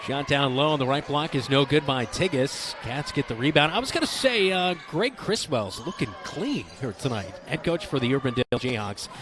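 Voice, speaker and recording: Amid loud gym noise, a male play-by-play announcer covers a high school basketball game for broadcast. He sounds brisk and excitable, joking around in banter as he calls it.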